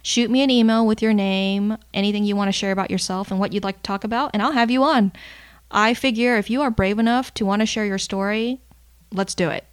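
A woman's voice: mid-range voice, steady tone, clear, resonant tone. A woman hosting her own podcast, talking candidly and outspokenly in a solo intro monologue, swearing freely and dropping in "you know" and "like" as she goes. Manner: mixes fillers like "you know" and "like" into fast talk. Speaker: podcast host.

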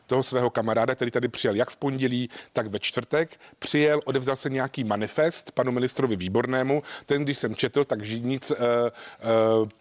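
A male politician in a heated studio debate, arguing back and interrupting with short retorts. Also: mid-range voice. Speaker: political guest.

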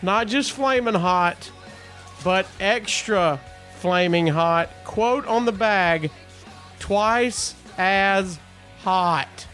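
A man co-hosting a casual snack-tasting show, talking in a playful, joking way with quick asides. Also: high voice, a bit bright, soft background music. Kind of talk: casual chat.

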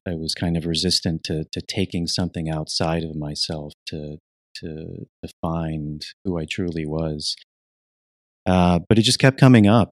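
A young man from Virginia being interviewed, answering in a soft, reflective way with many restarts and fillers. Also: low-pitched, no room sound, studio quality. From United States (Virginia). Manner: soft-spoken, thoughtful, frequent restarts and fillers. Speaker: interviewee, retreat program teacher.

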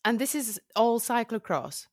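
A woman hosting an interview, chatting casually with quick asides and eager agreement. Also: a little high, big pitch swings, no echo, studio quality. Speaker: interviewer, host.

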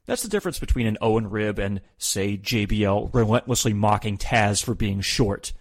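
A man's voice: lowish voice, moderate pace, no room sound. A man hosting a podcast, reading a wry, opinionated recap with the odd swear. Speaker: podcast host. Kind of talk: scripted recap narration.

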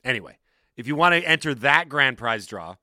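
A man hosts a sports talk show from the studio, joking around and reading sponsor spots with a bouncy lilt. His voice is bright and swings up and down a lot. The sound is dry and close, with no room around it. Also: medium pitch, fairly quick, no echo. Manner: animated, jokey, reads ads with a bouncy lilt. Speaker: sports radio host. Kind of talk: casual sports radio banter. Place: radio studio. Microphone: studio microphone.

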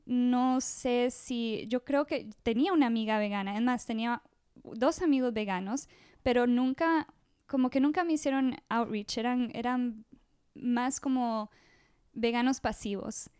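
Smooth, bright-pitched woman. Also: measured pace, no room sound, clean studio sound. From Costa Rica. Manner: chatty, with frequent restarts and fillers. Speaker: podcast guest. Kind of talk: casual interview storytelling.

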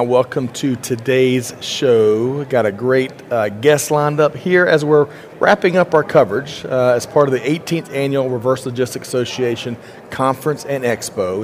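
A man hosting a podcast interview at a conference expo, upbeat and chatty with frequent fillers. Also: mid-range voice. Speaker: podcast host.

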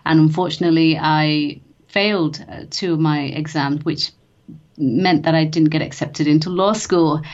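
A low-pitched woman talks freely as a podcast guest, laughing often and restarting her sentences. Her recording sounds slightly dull and lo-fi. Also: steady tone, normal speed. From England. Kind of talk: casual interview chat.

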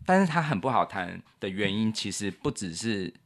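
A man's voice: lowish voice, big pitch swings, moderate pace. A man co-hosting a casual chat, patiently explaining his piano composition step by step and counting beats aloud.

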